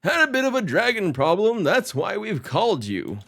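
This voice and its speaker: A man voicing an old male quest-giver in a fantasy game, speaking higher and louder than his own voice. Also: huge pitch swings, normal speed, creaky, heavily acted. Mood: eager. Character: old male quest-giving villager, eager and folksy.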